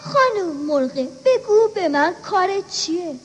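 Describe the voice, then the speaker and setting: A mischievous little boy pleads in sing-song rhyme for a playmate in a children's musical story, as a woman acts him out. The voice is high and bright. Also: very animated. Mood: pleading. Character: mischievous young boy who wants to play.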